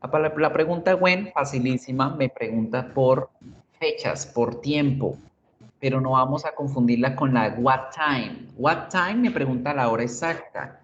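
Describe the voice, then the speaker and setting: A man teaches an online class at an unhurried, deliberate pace. He often stops to check that students are following. The recording sounds dull and lo-fi. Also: medium pitch, fairly bright tone, slight background noise. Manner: explains slowly, checks in with "right?" and "¿sí?". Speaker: English teacher.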